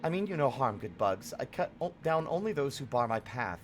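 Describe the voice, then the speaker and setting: A man's voice: medium pitch, sing-song, brisk, close to an everyday voice. A man voicing a stern, formal young female warrior in a video game. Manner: formal, curt. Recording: game music behind.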